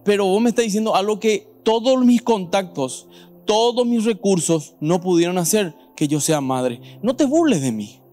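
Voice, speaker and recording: A man's voice: high voice, animated, normal speed, mellow, soft background music. A man voicing a proud, self-important wealthy woman, boastful and dismissive.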